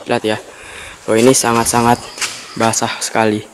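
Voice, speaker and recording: A man's voice: medium pitch, monotone, moderate pace, a little hiss or hum. A man talking to his viewers on a travel vlog while exploring on foot, his voice echoing inside a railway tunnel. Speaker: travel vlogger. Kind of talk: casual travel vlog narration. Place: at the mouth of an old railway tunnel, outdoors.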